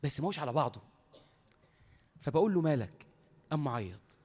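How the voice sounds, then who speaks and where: A man with an Egyptian accent giving a sermon as a preacher, telling stories quickly and emotionally, acting out the quotes and pressing his listeners with passion. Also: fairly high pitch, sing-song, a little mellow, husky. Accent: Egyptian Arabic. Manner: fast, emotional storytelling with acted-out quotes; impassioned exhortation.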